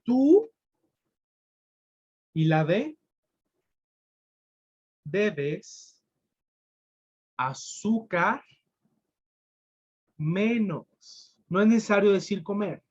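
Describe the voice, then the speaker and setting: Slow, patient male sign language teacher. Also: sits high, lively intonation, a little mellow, slightly rough, highs cut off. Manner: slow, patient, checks understanding with frequent "¿sí?". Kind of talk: online class explanation.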